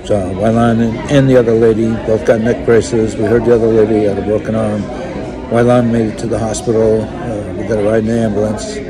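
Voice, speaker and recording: An older man recounting a story to his phone camera, halting and reflective, with many pauses and fillers. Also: lowish voice, level tone, crowd noise. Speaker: vlogger. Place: indoors in a wood-panelled restaurant or bar. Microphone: phone held close, selfie framing.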